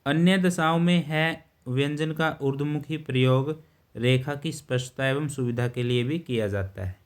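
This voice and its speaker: A man teaching shorthand, explaining step by step in a patient way and often pausing to check understanding. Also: on the high side, clear, resonant tone. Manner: patient, repeats words and checks with "theek hai". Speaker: steno teacher. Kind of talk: explaining a lesson while writing.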